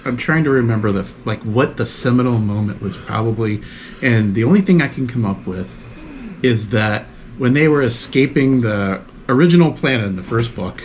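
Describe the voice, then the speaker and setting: A man's voice: mid-range voice, normal speed. A man, a guest chatting casually with a friend, rambling and laughing easily. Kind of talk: casual chat. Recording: faint background noise.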